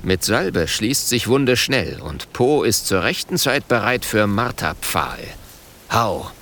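A man doing a stern gruff old chief. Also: fairly low pitch, big pitch swings, slow pace, fairly bright tone, a little hiss or hum, exaggerated voice. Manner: clipped broken sentences, stern.

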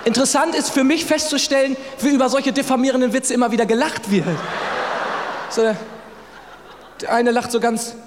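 Stand-up comedian, male, very high voice, mocking tone, long hall reverb. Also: steady tone, a little fast, long pauses, background noise. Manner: mocking, playful storytelling.

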